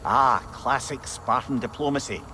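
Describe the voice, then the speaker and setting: An actor with a Scottish accent playing a witty, eloquent advisor and companion in a video game, wry and chatty. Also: male voice, medium pitch, moderate pace, noisy background, natural voice. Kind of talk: video game character acting.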